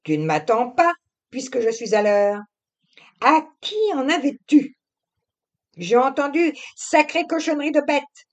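A woman reading an audiobook, voicing a gentle young husband who speaks quietly and measuredly. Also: high voice, expressive, a little slow, voice pushed up. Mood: guarded. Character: young husband, gentle, wary, fond of his cat.

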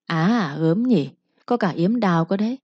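A woman's voice: on the low side, lively intonation, brisk, mellow, no echo, highs cut off. A woman voicing a harsh young mistress who scolds and threatens her servant with contempt. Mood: furious.

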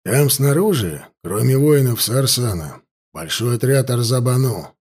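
A man voicing a steady, respectful warrior in an audiobook, speaking in a measured, grave way. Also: mid-range voice, husky.

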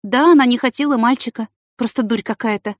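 A woman narrator voices a middle-aged man who heads a maternity ward, sounding firm and brisk like a doctor on rounds. She reads him near her own register without lowering her voice, close to an everyday tone. The recording is dry and close, with no room sound.

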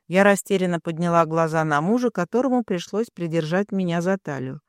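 A woman reading a first-person romance novel aloud in an even, measured manner. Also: fairly low pitch, no echo, clean studio sound. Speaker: audiobook narrator.

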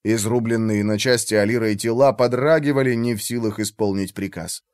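A man narrating a fantasy audiobook in a steady, expressive storytelling manner. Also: on the low side, a little fast, smooth, no echo, clean studio sound.

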